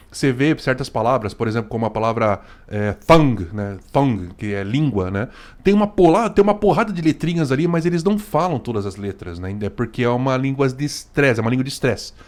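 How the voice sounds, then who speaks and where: A man's voice: medium pitch, darkish tone. A Brazilian man hosting a casual reaction commentary, chatty and slangy, tagging his sentences with "né" and "cara". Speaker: host reacting to a video.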